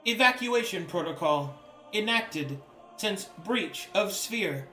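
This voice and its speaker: A man plays a cold, emotionless machine mind that answers in clipped computer-processing reports. The voice sits fairly high and sounds bright and forceful. It echoes around a roomy space, with faint music underneath. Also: lively intonation, slow, full character voice. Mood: monotone. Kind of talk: game master voicing a computer in a tabletop game.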